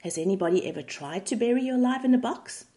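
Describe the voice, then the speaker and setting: A woman voicing a blunt, impatient male therapist in a retold comedy sketch, speaking curtly and deadpan. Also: a little high, fast, close to an everyday voice.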